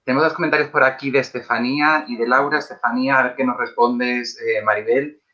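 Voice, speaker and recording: A man hosting a live video interview as actor and trainer, speaking in a measured, articulate way and reading out viewer comments. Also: medium pitch, fairly even intonation, pushed and bright, dull audio.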